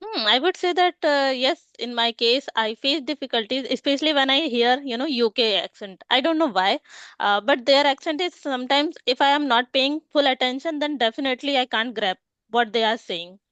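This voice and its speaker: A woman speaks in a smooth, resonant voice that sits a little high. Her dry, close sound carries earnest reflections as she hosts a podcast chat. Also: normal speed, fairly bright tone, dry recording, muffled recording. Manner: earnest, reflective, uses "you know" fillers. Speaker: podcast host. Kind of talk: casual podcast conversation.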